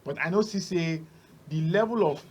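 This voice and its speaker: A man's voice: a little high, moderate pace, husky. A Nigerian man giving opinionated Pidgin commentary as a panel analyst, emphatic and repeating phrases for stress.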